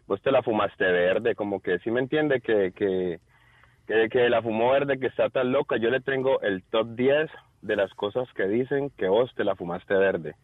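A man's voice: lowish voice, normal speed, no echo. Colombian guy calling in over a tinny phone line, joking around, talking right at the listeners. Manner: addresses listeners directly, laughing at his own jokes. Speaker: caller. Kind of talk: joking top-ten list over the phone.

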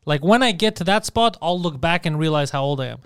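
A man in his thirties, chatting casually on a podcast, profane and animated. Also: fairly high pitch, quick pace, clean tone, dry recording, studio quality. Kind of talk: casual chat.

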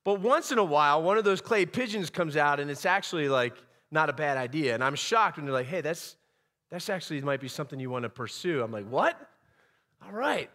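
Middle-aged male preacher, a touch high-voiced, chatty sermon delivery that slips into quoted voices. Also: animated, fast talker, pushed and bright. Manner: conversational, acts out quoted voices. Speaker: guest preacher.

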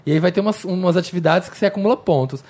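Chatty woman with a lowish voice. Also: very fast, a little mellow. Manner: chatty, swears casually. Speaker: podcast co-host. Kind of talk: casual chat.

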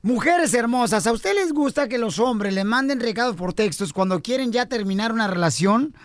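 Man, radio host, animated pitch, teasing banter. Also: normal speed, no echo, clean studio sound.

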